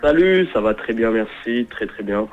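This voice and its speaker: A man in his thirties who grew up in Kenya and speaks English natively, answering interview questions on radio in a relaxed, hesitant way. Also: fairly low pitch, highs cut off, soft background music. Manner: relaxed, hesitant with many pauses. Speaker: guest musician.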